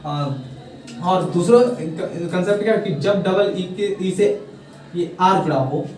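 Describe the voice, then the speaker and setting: Speaking slowly in a high-pitched, slightly mellow voice, a young man with a Hindi accent teaches English, explaining a pronunciation lesson and often checking that students follow. His manner is coaxing and encouraging, with "thik hai" coming up again and again in this casual classroom talk. He sounds far away in an echoey room.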